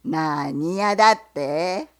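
A woman voicing a big, lonely male bear with a gravelly, booming voice and a bossy manner in a picture-book reading. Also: very slow, heavily acted. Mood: gruff. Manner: bossy and loud. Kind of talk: picture-book read-aloud.

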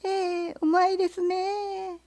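A woman's voice: very high-pitched, flat delivery, slow, darkish tone, voice pushed up, heavily acted. A woman voicing a male fox who peddles friendship, calling out in a sing-song vendor's chant in a picture-book reading. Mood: nervous. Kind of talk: picture-book read-aloud.

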